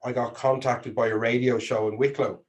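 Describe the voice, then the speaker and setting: A middle-aged man with a Dublin Irish accent, talking casually as an interview guest in an informal, halting way, as if thinking aloud. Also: mid-range voice, steady tone, highs cut off. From Dublin, Ireland.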